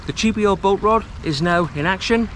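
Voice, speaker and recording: A fairly high-voiced man in his thirties talks to a camera mic while fishing on a rocky estuary shore. His talk is relaxed, chatty and self-deprecating. A faint hiss of outdoor noise sits under his voice. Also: a little fast. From Wales. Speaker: fishing vlogger. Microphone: camera mic, close framing.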